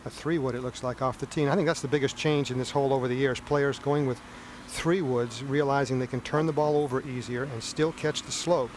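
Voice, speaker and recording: A man giving measured, explanatory live golf commentary as a broadcast commentator. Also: medium pitch, steady tone. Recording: outdoor broadcast with crowd noise. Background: golf crowd and outdoor ambience.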